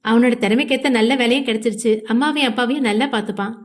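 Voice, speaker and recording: A woman voices a calm young husband in an audio novel, speaking with steady reassurance. The pitch sits a little high, gentle and even. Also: racing, natural voice.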